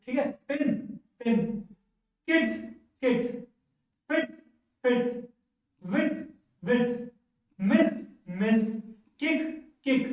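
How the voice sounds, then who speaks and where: A man teaching English pronunciation in a classroom lesson, slowly repeating each word twice for learners to echo. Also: very high-pitched, darkish tone. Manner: says each word twice, slow drilling. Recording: very echoey room, voice from far off.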